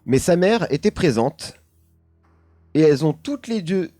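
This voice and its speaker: A man's voice: a little high, very animated, a little slow, dark tone, no echo, faint music behind. A man streaming live, casually telling a paranormal story while chatting with his viewers, laughing often and leaning on the same filler words.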